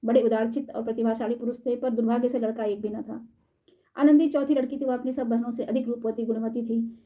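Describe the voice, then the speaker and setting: A woman storyteller reading a classic short story aloud in a measured, formal way. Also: a little high, fairly even intonation, mellow.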